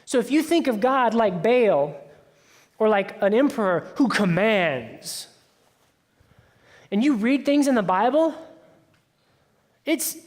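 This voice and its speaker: A man preaching a conversational sermon as pastor, telling stories in a casual way with frequent "like". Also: high voice. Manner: casual storytelling, sprinkled with "like". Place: church sanctuary. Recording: long reverb of a church hall.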